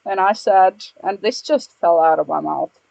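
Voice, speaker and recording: A woman's voice: medium pitch, moderate pace, creaky, a little mellow, no room sound, lo-fi sound. A woman co-hosting a casual gaming podcast, enthusiastic and giggly. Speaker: podcast co-host and YouTuber. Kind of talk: casual chat.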